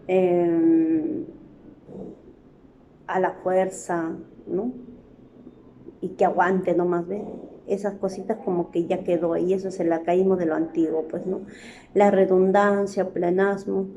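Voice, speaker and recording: Woman, teacher, lowish voice, mellow tone, explanatory, frequent tag questions. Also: gravelly, a little hiss or hum. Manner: explanatory, tags nearly every phrase with a questioning "no?". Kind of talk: spoken grammar lesson.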